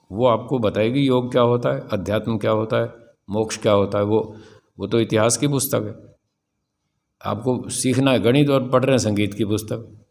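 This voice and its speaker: A man's voice: medium pitch, a little mellow. A man in his sixties, a swami, giving a spiritual discourse in a firm, rhetorical manner and putting questions to his listeners. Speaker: swami teaching scripture.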